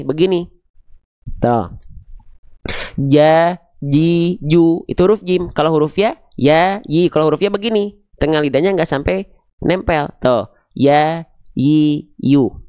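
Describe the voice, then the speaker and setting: A man's voice: high-pitched, darkish tone, clean tone, dry recording, studio quality. A man teaching letters and tajwid. He asks questions and answers them himself in a coaxing, playful way. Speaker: Quran reading teacher. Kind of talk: lively tajwid lesson.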